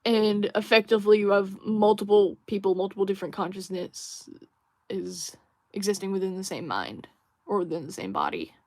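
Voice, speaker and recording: Young female streamer, casual chatter while drawing, meandering and filler-heavy, close dry sound, middle-pitched. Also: lively intonation, moderate pace, darkish tone, no room sound. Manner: rambling, musing, many fillers and restarts; reads viewer chat aloud. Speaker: livestream host.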